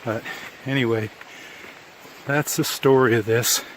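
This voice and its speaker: A man's voice: mid-range voice, fairly even intonation, a little slow, a little hiss or hum. A tired man filming himself at the end of a long hike outdoors, talking in a rambling, self-correcting, plain way as a casual trail diary. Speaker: hiker filming a trail vlog.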